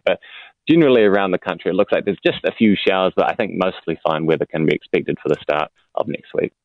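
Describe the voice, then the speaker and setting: A man's voice: sits low, dry recording, narrow, tinny audio. A man with a New Zealand accent explaining the weather informally in a conversational radio interview. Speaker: weather forecaster.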